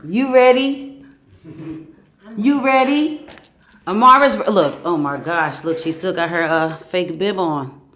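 A woman's voice: on the low side, takes it slowly, long pauses, a bit bright. A woman in her thirties casually narrating a family vlog and talking playfully to her baby and kids, recorded on a handheld camera. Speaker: vlogger and mother. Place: hotel room, lobby and city streets.

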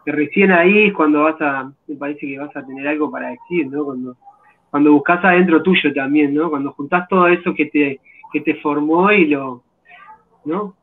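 A man answers as the guest drummer, his voice a little high for a man. He speaks thoughtfully and agreeably and sometimes pauses to collect his thoughts. A narrow, phone-like call line carries his voice. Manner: thoughtful, agreeable, hesitant restarts. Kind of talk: interview answers over a video call. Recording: tinny phone-like video call audio.

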